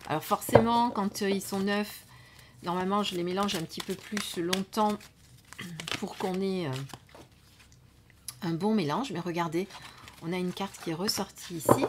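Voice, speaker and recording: A woman presenting an oracle deck in a casual review at home. Her voice sits in a middle pitch and is gentle and unhurried, with many small fillers. Lines often trail off to a near whisper. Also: heavy background noise. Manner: unhurried, with frequent "hein" and "euh" fillers. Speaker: card reading channel host. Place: indoors at home under studio lights.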